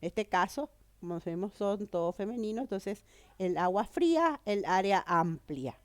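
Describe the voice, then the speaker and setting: A woman's voice: medium pitch, animated, normal speed, no echo. A woman teacher with a cold, explaining a grammar lesson and often checking that students follow. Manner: explanatory, checks understanding with "¿verdad?" and "¿mm?". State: has a cold.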